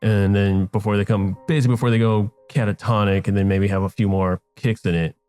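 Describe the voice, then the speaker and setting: A man with a fairly low voice runs a tabletop game as game master. He narrates in a relaxed way, full of fillers and restarts, over faint background music. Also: a little fast.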